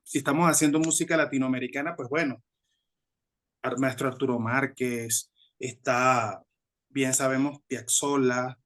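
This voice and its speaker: A man's voice: mid-range voice, fairly even intonation, a little slow, fairly bright tone. Hesitant, thoughtful Mexican man. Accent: Mexican Spanish. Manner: thoughtful, hesitant, with frequent restarts and tag questions. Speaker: guest musician. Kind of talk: conversational interview answer.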